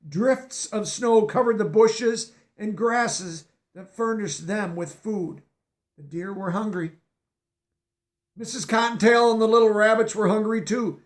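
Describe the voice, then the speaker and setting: In a high-pitched, unhurried voice, a man reads a picture book aloud with expression. He pauses at times to explain words to young listeners.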